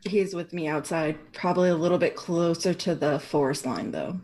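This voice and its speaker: A woman's voice: on the low side, moderate pace, darkish tone. A woman playing a tabletop game, casually narrating her character and speaking as her.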